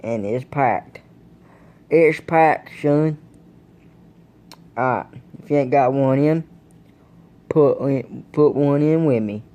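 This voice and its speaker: Indoors at home, with the camera resting on a blanket, a young vlogger chats unhurriedly about dip tobacco while fighting the hiccups. His voice is medium-pitched and the audio sounds dull. He rambles to viewers in a relaxed, casual way.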